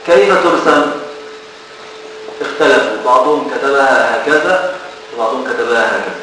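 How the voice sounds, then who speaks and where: A man with an Egyptian accent teaching a class, lively and bantering with his students and repeating key words for emphasis. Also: medium pitch. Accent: Egyptian Arabic. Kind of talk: classroom lecture. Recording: echoey room from far off, ambient noise.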